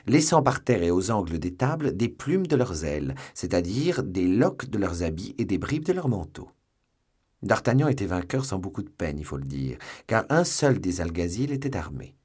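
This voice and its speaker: Deep-voiced guy reading an audiobook, husky, really lively delivery. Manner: expressive storytelling. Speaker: audiobook narrator. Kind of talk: scripted narration of a classic novel.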